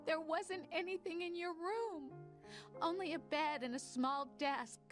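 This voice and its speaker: A woman's voice: extremely high pitch, measured pace. An actress playing a lonely, wounded young woman pleading plaintively with her boyfriend in a dramatic video game. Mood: sad, reproachful. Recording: music playing behind the voice.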